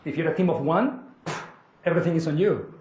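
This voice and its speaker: Brief: male seminar leader with a Peruvian Spanish accent, lively and engaging, slightly high voice, echoey room with faint noise. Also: a little fast, highs cut off. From Peru. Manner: animated, asks the room, often tags "correct?". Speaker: workshop leader. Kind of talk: interactive seminar teaching.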